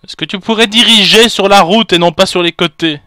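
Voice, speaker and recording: A man doing panicked let's play commentary, shouting orders at his partner as he plays. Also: high voice, a little fast, no room sound. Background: game music.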